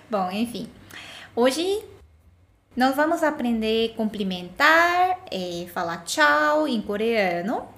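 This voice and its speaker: A woman's voice: fairly high pitch, big pitch swings, slow pace, vocal fry, fairly bright tone. A woman giving a casual language lesson as a Korean teacher, patiently repeating words for the learner to echo.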